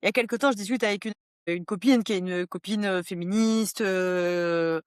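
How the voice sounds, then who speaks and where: A woman's voice: medium pitch, moderate pace, clear, resonant tone, no echo. Discursive woman guest, dry close sound. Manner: discursive, mixes academic terms with crude slang. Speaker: podcast guest. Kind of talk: casual conversational interview.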